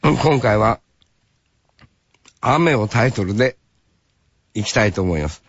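A man hosting a radio show in a casual, drawling, folksy way, often tacking a rough "nah" onto his sentences. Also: on the low side, expressive, measured pace, no room sound, muffled recording. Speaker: radio host.

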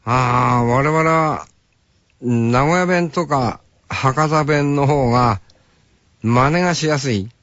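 A man's voice: medium pitch, takes it slowly, a bit bright, no room sound. An older man from Hokkaido with a Hokkaido accent, a radio host musing to himself in a casual monologue and mimicking greetings. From Hokkaido, Japan. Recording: dull lo-fi broadcast sound.

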